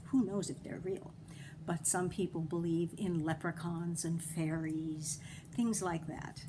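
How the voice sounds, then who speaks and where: The voice belongs to a woman, lowish in pitch, reading a children's folktale aloud with a storyteller's dramatic emphasis and short asides to the audience. The background is noisy.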